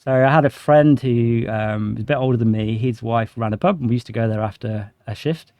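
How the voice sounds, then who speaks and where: A thirty-nine-year-old English sales director who grew up in Shropshire appears as a podcast guest, trading casual, conversational anecdotes. His mid-range voice is darkish in tone, and he speaks a little fast with an English accent.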